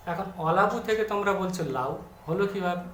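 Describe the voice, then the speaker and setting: Man teaching, fairly high voice. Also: fast talker, a bit bright, slight background noise. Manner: explains patiently, asking and answering his own questions. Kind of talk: grammar lesson for students. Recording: echoey room with faint music.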